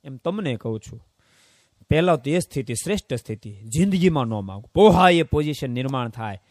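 A middle-aged man preaching a sermon as a swami, telling stories and swinging between hushed asides and loud exclamations. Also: mid-range voice, expressive, fairly quick, dry recording, clean studio sound. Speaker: swami preaching at a devotional camp.

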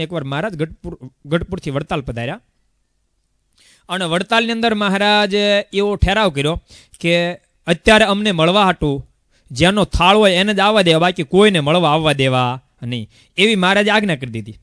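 A man's voice: high-pitched, dry recording, clean studio sound. A man, a sadhu giving a sermon with a story and acting out the dialogue of its people. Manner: animated storyteller, acts out dialogue. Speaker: sadhu preacher.

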